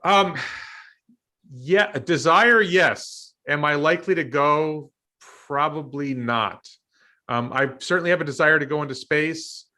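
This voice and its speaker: Bright-voiced American man in his fifties. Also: a little high, measured pace. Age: 50s. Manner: thinks aloud with many ums and restarts. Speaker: show host and investor. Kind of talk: casual discussion.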